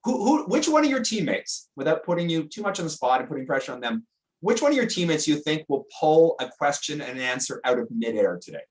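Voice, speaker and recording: A man's voice: fairly high pitch, sing-song, brisk. Chatty man hosting an interview. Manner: chatty, jokey, trailing restarts. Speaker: interview host. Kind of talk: casual online interview.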